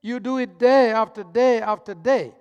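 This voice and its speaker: A man preaching a sermon as pastor, swinging between loud emphatic lines and hushed, soft ones. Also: very high voice, fairly even intonation, normal speed, clean tone, big-room sound, dull audio.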